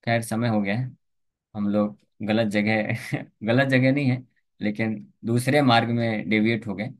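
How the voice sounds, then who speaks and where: A man's voice: lowish voice, steady tone, unhurried. A man giving a Hindi scripture lecture, telling a story and acting out its characters' lines with a lifted voice. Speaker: preacher.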